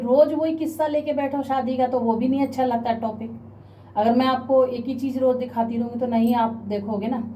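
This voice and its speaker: A woman telling a story to her viewers, indignant and animated, often asking the audience questions. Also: fairly high pitch. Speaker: vlogger. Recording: a bit distant, faint background noise.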